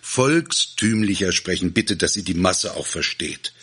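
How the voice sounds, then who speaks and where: A man voicing a brisk, officious male village council chairman. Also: sits low, animated, fairly bright tone, slightly rough, heavily acted.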